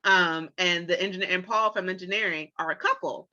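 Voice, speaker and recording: A woman co-hosting a podcast, reviewing an episode in casual chat, animated and playful, acting out her own reactions. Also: on the low side, brisk, dull audio. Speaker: podcast co-host.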